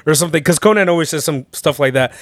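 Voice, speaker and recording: A young man co-hosting a podcast in casual chat, excited and slangy, laughing often. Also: fairly high pitch, quick pace, no room sound, clean studio sound. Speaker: podcast co-host.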